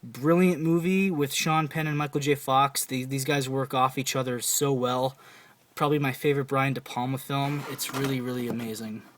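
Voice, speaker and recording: A man's voice: mid-range voice, steady tone, moderate pace, a little hiss or hum. A young man casually recommending films from his own shelf, enthusiastic and profane, often repeating titles. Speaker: film collector reviewing his DVD shelf.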